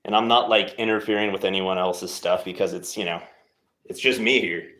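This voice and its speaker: A low-voiced man chats loosely on a live stream while he exercises at home. He wanders between jokes and offhand encouragement for his viewers. The room has a noticeable echo. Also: fairly even intonation, normal speed, bright, forceful tone. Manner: laid-back, rambling, jokey encouragement. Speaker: livestream host leading a workout. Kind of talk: casual live-stream chat. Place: home workout space. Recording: roomy echo.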